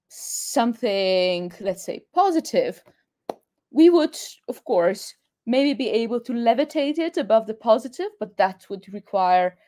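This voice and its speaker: A woman with a rather high voice and dark tone presents a live online science demonstration, walking through it step by step. She uses fillers often, and the indoor recording comes from a webcam or phone camera mic.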